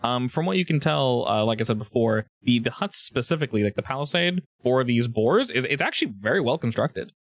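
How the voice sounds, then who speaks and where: Man, game master, casual tabletop narration, mid pitch, dry sound. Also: lively intonation, a little fast, few pauses, dry recording.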